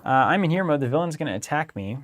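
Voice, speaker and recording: A man's voice: on the high side, lively intonation, racing. A young man co-hosting a card game live stream, narrating each play like a playful sports commentator. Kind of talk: casual playthrough banter with mock commentary. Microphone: studio microphone.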